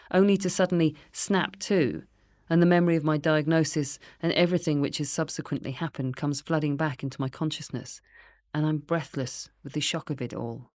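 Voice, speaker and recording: A woman with a low, deep-set voice reads her own memoir aloud in a quiet, earnest, reflective way. The recording is close and dry, with no room sound. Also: no room sound. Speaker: memoir narrator. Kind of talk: first-person memoir reading.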